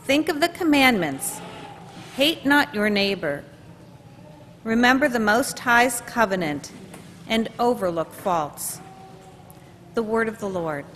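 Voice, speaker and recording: A woman lector giving a formal, measured scripture reading at a lectern in a large church. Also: on the high side, animated, fairly bright tone, a little hiss or hum. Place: large church, far from the camera. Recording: distant church recording with long reverb.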